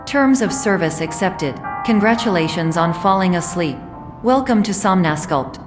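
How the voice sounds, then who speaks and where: A woman voicing a sarcastic female AI guide in a game, speaking in a cool, robotic monotone. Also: on the low side, moderate pace, lightly acted. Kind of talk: game voice acting. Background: game music.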